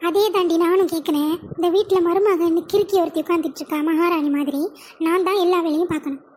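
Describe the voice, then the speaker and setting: Woman acting a nagging mother-in-law, very high voice, mellow tone, scolding, comic family skit, faint noise. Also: steady tone, quick pace. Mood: scolding, scornful.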